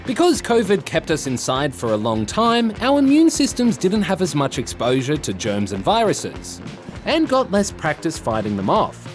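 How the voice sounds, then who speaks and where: An Australian man narrates kids' news in a high, hugely varied voice. He explains things playfully over a light music bed. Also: huge pitch swings, normal speed. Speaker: news presenter for children. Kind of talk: scripted educational news narration.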